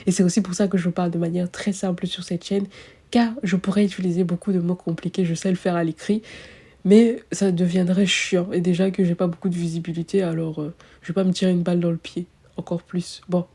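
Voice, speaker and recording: A woman's voice: fairly low pitch, little pitch movement, brisk, dark tone, slightly rough. A woman, an astrologer chatting casually and self-mockingly, thinking aloud with many fillers. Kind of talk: casual chat to camera.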